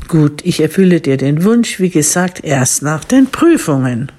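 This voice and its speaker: A woman voicing a gruff young male student who wants to get back to studying. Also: deep voice, very animated, a little slow, dark tone, full character voice. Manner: gruff and brief. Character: gruff studious young man.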